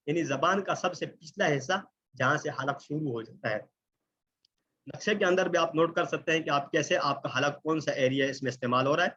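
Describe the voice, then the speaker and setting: A man teaching an online recitation lesson, explaining patiently, checking in often and drawing out example words slowly. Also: a little high, a bit bright, husky, lo-fi sound. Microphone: computer mic on a video call.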